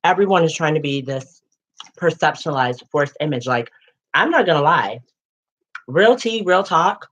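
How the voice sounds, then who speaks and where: A man's voice: fairly high pitch, expressive, normal speed, a bit bright. A man in his late twenties co-hosting a casual chat, sassy and dramatic, calling listeners girl and honey. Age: late 20s. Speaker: co-host. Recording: dull lo-fi sound.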